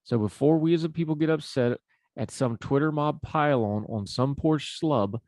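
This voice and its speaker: A man's voice: fairly high pitch, normal speed, a little mellow, dry recording. A man with an Appalachian hillbilly accent hosting a talk show, giving conversational news commentary in a folksy, informal way.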